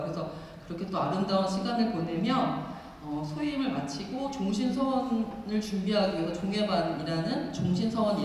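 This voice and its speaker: A middle-aged nun giving an animated personal testimony talk with emphatic fillers. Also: female voice, mid-range voice. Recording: echoey hall, far from the mic.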